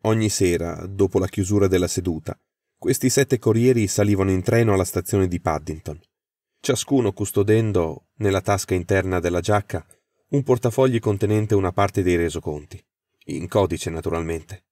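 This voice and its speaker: A man's voice: deep voice, normal speed, warm tone, no room sound. A man voicing a flustered, anxious young government official who explains his trouble earnestly.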